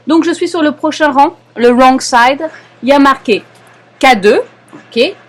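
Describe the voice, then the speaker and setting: A young adult woman with a French accent, patiently explaining a knitting lesson step by step, often pausing and checking in with her students. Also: high voice. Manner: patient, explanatory, frequent hesitations and checks "d'accord?". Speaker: knitting teacher. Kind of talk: live online knitting lesson.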